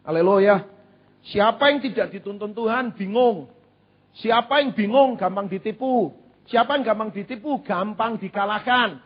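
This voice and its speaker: A man delivers a sermon in a high, husky voice. He preaches with animated repetition and a light touch of humor. The recording sounds dull and lo-fi. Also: moderate pace. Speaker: pastor.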